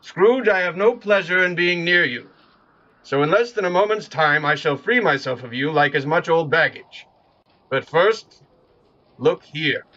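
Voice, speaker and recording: A man's voice: fairly high pitch, measured pace, sharp tone, highs cut off. A man playing a mocking, grandiloquent ghost in an audio play, declaiming his insults in a theatrical way. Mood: scornful. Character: scornful, theatrical male Ghost of Christmas Present.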